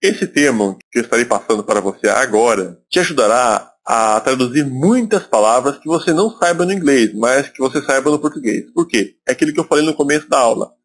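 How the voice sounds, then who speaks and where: A Brazilian man with a medium-pitched, slightly breathy voice teaches English in a recorded video lesson. He explains things step by step and repeats words for emphasis.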